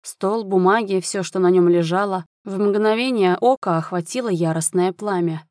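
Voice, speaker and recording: A woman narrating a fantasy novel aloud in an even, expressive reading. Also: mid-range voice, normal speed, dry recording, studio quality. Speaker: audiobook narrator. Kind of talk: dramatic fiction reading.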